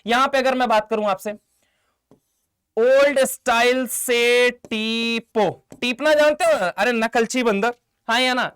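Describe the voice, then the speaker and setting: A chemistry teacher from India giving an online exam-prep lecture. He keeps quizzing his students, calls them 'beta' and 'mere laal', and chants memory tricks slowly. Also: extremely high pitch, fairly bright tone, smooth.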